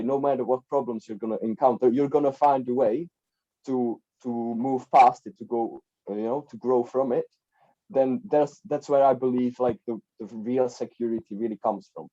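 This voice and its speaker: A young adult Czech life coach guesting on a podcast speaks in a medium-pitched, mellow voice, chatting casually and wandering off with repeats and frequent "like" and "right?". The audio is dull and lo-fi.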